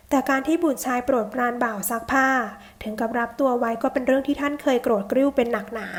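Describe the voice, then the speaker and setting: A woman steadily narrating a translated period novel as an audiobook. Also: high voice.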